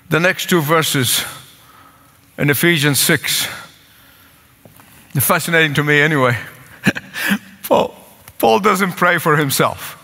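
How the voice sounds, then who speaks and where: Older man, Egyptian accent, earnest pleading preacher; high, bright voice; pulpit sermon in a reverberant sanctuary. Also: creaky. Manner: earnest, pleading, repeats phrases for emphasis. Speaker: pastor. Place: large church sanctuary with congregation. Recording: long church hall reverb.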